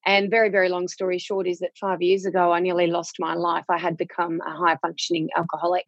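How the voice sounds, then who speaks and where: Australian woman, 40s, interview guest, candid and chatty, low husky tone. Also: flat delivery, fast, no room sound, dull audio. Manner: frank and chatty, with casual Aussie slang.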